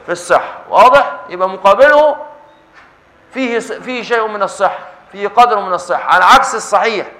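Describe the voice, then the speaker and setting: A man with an Egyptian accent teaching a classroom lesson on jurisprudence, talking fast in a high, bright voice. He keeps tossing questions at his students and answering them himself. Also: poor audio. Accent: Egyptian Arabic. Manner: constant call-and-response questioning of students. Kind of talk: classroom lesson explaining a text.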